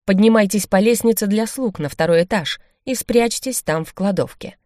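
A woman's voice: medium pitch, moderate pace, a little mellow, no echo, close to an everyday voice. Stern commanding baron guy, a woman reads him, firm and dry, storybook style. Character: stern scheming nobleman baron, male.

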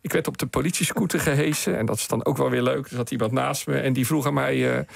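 A man's voice: medium pitch, fast talker, creaky, breathy edge, no echo. A man, a studio guest on night radio, telling a long anecdote and acting out the people in it. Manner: animated storyteller acting out quoted people.

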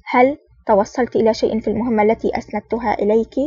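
A woman reading the lines of a stern, terse male secret agent in a curt, commanding manner, in a fast, flat reading voice. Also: fairly high pitch, slightly rough, dry recording. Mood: serious. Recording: dull, distant, dry recording.

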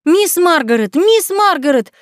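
Woman doing an excitable young maid. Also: a little high, moderate pace, no echo, studio quality, lightly acted. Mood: eager.

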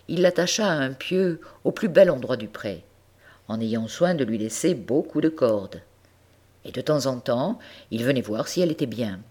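A woman reading a classic story aloud, gentle and expressive, speaking to the listener. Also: extremely low pitch. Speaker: audiobook reader. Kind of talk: storytelling narration.

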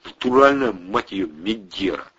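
A man's voice: lowish voice, expressive, unhurried, a bit bright, slightly rough, pitched above the performer's own voice, heavily acted. A man voicing a coarse, slangy male sidekick who drawls his words, in a dull lo-fi recording. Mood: gruff.

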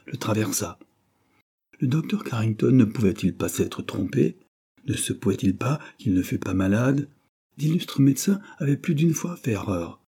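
A man narrating a classic novel as an audiobook, in a steady, measured reading. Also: mid-range voice, slightly rough. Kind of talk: scripted narration.

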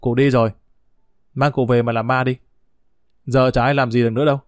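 A man's voice: mid-range voice, flat delivery, clear, resonant tone, dry recording, studio quality, close to an everyday voice. Man doing a cold, curt woman doctor. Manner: sharp, rapid scolding.

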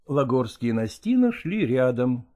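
A man narrating a literary story in a measured reading voice. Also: medium pitch, very animated, darkish tone. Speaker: audiobook narrator.

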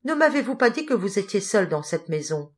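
A woman's voice: medium pitch, big pitch swings, fairly quick, voice pushed up, lightly acted. A woman voicing a poor, proud young poet and thief who answers back with heated indignation. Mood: indignant.

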